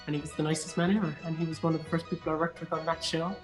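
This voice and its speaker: A man from Cork, Ireland, an actor and a theatre company's artistic director, chats casually and enthusiastically as an interview guest. His voice is on the high side with a level tone, and he talks very fast over faint background music.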